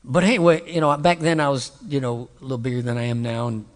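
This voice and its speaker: A middle-aged man preaching a storytelling sermon, animated and conversational, with asides to the listeners. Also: mid-range voice, fast talker. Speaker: pastor. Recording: hall reverb.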